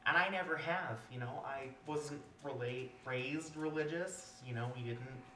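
A man hosting a casual podcast chat, high and relaxed, rambling with lots of fillers. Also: unhurried, roomy sound, slight background noise. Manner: laid-back, rambling with fillers. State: high on cannabis. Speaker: podcast host.

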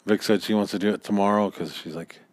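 A man with a very deep voice chats casually on a home podcast, often trailing off into quiet asides. The sound is dry and close. He is recorded outdoors under a backyard overhang. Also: fairly even intonation, fast talker, dry recording. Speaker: podcast co-host. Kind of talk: casual chat.

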